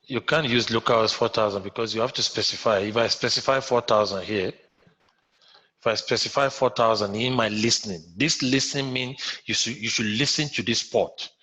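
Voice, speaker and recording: A man's voice: lowish voice, sharp tone. A man with a Nigerian accent teaching a live online coding class, repeating himself and often checking whether students follow. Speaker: instructor. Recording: muffled lo-fi audio.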